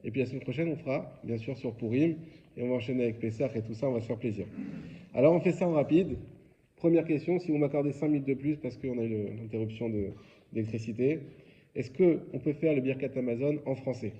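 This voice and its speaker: Speaking fast in a medium-pitched, dark-toned voice, a rabbi leads his students through a religious quiz, explaining informally and answering his own questions. The audio quality is dull.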